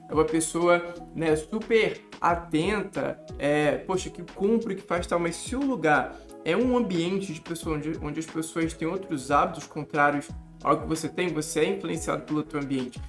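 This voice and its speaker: High-voiced man giving earnest study talk. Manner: animated, addresses viewer as "cara", emphatic repetition. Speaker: study coach. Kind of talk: casual talk to camera.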